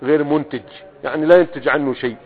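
A man's voice: a little high, racing. Egyptian male teacher, tinny phone-like sound. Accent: Egyptian Arabic. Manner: repeats "tamam?" to check understanding, asks and answers his own questions. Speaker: Arabic grammar teacher. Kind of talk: classroom lecture.

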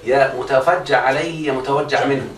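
A man's voice: medium pitch, fairly even intonation, a little fast, crowd noise. A man with an Egyptian Arabic accent teaching a religious grammar lesson, constantly quizzing his students on whether they follow. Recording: echoey room, far from the mic, faint noise.

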